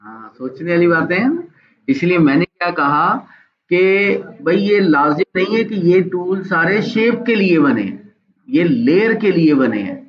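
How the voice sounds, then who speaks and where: A man teaching a live online graphics software class, chatty and encouraging, often checking in with his students. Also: sits high, expressive, measured pace, lo-fi sound.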